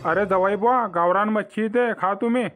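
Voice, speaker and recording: A man's voice: sits high, moderate pace, over music, lightly acted. A man voicing a scheming older village father-in-law in a cartoon comedy, with a rural Vidarbha Marathi accent and a sly, coaxing manner.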